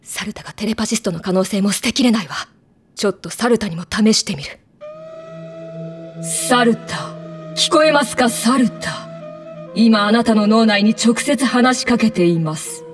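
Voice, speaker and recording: 女性声優が演じる、思い込みが激しく強引な十代の女子部長。厳かな語りと大げさな叫びを行き来するアニメの芝居。. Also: female voice, a little high, moderate pace, far from the mic, soft background music, lightly acted. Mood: suspicious, insistent. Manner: solemn intoning that breaks into loud, indignant outbursts. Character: bossy, excitable teenage girl club president, obsessed with telepathy. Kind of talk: anime voice acting.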